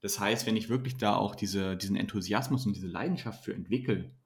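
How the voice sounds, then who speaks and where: A man's voice: on the low side, a little fast. A man, a mentoring coach, giving earnest, motivational answers in a podcast interview, often restarting his sentences.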